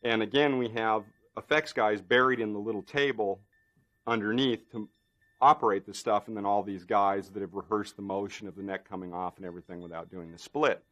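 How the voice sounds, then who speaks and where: A special effects artist telling a behind-the-scenes anecdote in a documentary interview, rambling with many fillers and restarts. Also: male voice, lowish voice, fairly even intonation, brisk, a bit bright, lo-fi sound.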